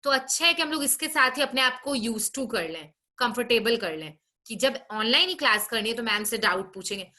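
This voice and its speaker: Bright-voiced woman teacher scolding online class. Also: on the high side, lively intonation. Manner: scolding, brisk, frequent tag questions. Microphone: video call.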